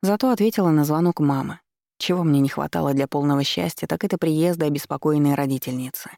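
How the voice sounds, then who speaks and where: Brief: woman narrator for a first-person novel, even and measured, a touch of vocal fry. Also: low-pitched, dry recording, clean studio sound. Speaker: audiobook narrator.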